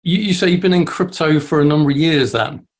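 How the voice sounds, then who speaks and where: A man's voice: on the high side, brisk. Chatty man hosting a video call. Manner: chatty, many restarts. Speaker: host. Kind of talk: casual group chat.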